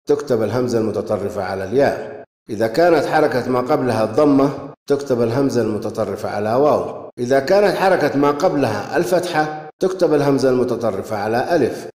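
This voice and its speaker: Man, teacher, grammar lesson, asks and praises, slow careful examples, roomy reverb. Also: medium pitch, darkish tone. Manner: asks questions then praises imagined answers; slow, drawn-out reading of example words. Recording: echoey room with long reverb.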